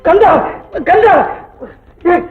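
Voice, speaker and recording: A man's voice: very high voice, fairly even intonation, slow pace. An actor playing a remorseful uncle who pleads and calls out after a boy in a 1960s film. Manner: pleading, calling out repeatedly. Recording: tinny old film soundtrack with music.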